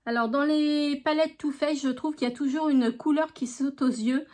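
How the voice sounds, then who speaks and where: A woman with a French regional accent chatting casually through a beauty product review, unhurried, with many fillers. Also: high-pitched, fairly even intonation, darkish tone. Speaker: beauty vlogger.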